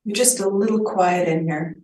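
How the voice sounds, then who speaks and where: A woman's voice: mid-range voice, moderate pace, dark tone, reverberant, poor audio. Polite woman chairing in a boardroom. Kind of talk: chairing a formal hearing.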